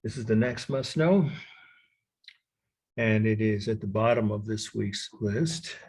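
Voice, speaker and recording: A man giving a college art history lecture, explaining patiently and slowly spelling out words for his students. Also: on the low side, a little mellow, slightly rough.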